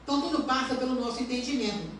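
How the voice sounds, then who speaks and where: Rapid-fire and high-pitched, a woman pastor delivers an earnest sermon full of rhetorical questions to her congregation. The distant church recording is very echoey, with slight background noise.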